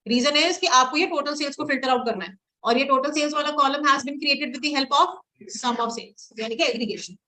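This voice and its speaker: This live coding lesson is screen-recorded and poorly captured: a woman teaches SQL in a mix of Hindi and English, firing questions at students while typing queries. Her high voice sounds pushed and bright, and she moves at a moderate pace.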